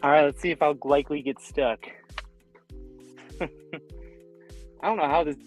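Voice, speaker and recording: A man's voice: a little high, steady tone, takes it slowly, soft background music, low-quality recording. A man chatting casually with a friend on a stream, joking in a profane way and laughing often. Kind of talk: casual chat.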